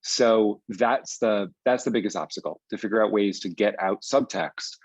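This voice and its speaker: A screenwriter and audio drama producer answers as an interview guest, conversational and explanatory, stressing points by repeating them. His voice is fairly low and at normal speed, with no room sound.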